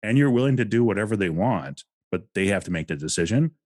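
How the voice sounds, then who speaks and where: Deep-voiced man giving calm advice. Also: quick pace, no room sound, clean studio sound. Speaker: podcast co-host. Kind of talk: casual conversation.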